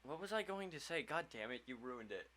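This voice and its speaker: A man's voice: a little high, expressive, fairly quick, bright, forceful tone, slight background noise. A man co-hosting a casual chat with friends, easygoing and steering the talk. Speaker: podcast co-host.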